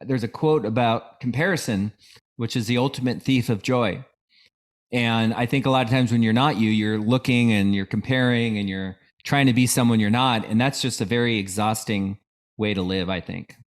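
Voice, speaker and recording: A man's voice: medium pitch, normal speed. A middle-aged man hosting a casual podcast interview, speaking in a reflective, affirming, conversational way. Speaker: podcast host.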